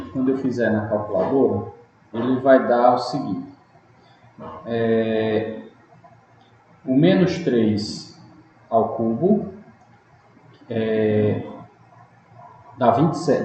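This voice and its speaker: A man's voice: mid-range voice, a little mellow. Patient male math teacher, echoey room. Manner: patient, step-by-step, often checks in with "tá bom?". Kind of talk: recorded online math lesson. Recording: echoey, dull, lightly noisy room audio.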